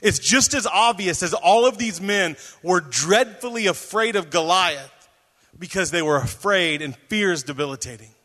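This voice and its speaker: A man preaching a sermon as pastor, reading scripture aloud and joking with his listeners in an animated way. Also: high-pitched, moderate pace. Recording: long hall reverb.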